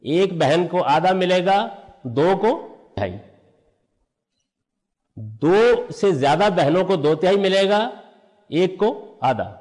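A man's voice: high-pitched, animated, long pauses, darkish tone, big-room sound. An older man teaching a religious lesson, explaining step by step and answering his own questions. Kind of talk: lecture on Quranic language.

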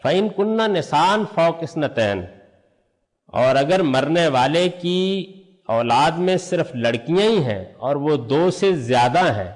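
A man's voice: fairly high pitch, darkish tone, in a large hall. An older man teaching a religious lesson, explaining step by step and answering his own questions. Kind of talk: lecture on Quranic language.

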